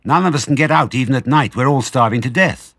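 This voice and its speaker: A man's voice: medium pitch, fast talker, creaky, fairly bright tone, breathy edge, no room sound, clean studio sound, voice pushed up. A man voicing an agitated, despairing father badger in a storybook, exclaiming in old-fashioned phrases.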